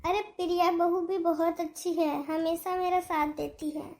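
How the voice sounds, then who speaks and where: A woman voicing an ailing, kindly old mother-in-law in a cartoon story, speaking softly and pleadingly. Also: extremely high pitch, flat delivery, a little slow, a little hiss or hum. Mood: gentle. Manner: soft, pleading, fond.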